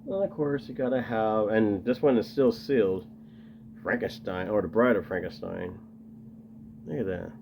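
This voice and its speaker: Casual vlog host, man, low gravelly voice, rambling and enthusiastic, dull lo-fi home recording. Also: normal speed, a little hiss or hum. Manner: rambling, enthusiastic, lots of fillers. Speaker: video host showing his tape collection. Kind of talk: casual chat to camera.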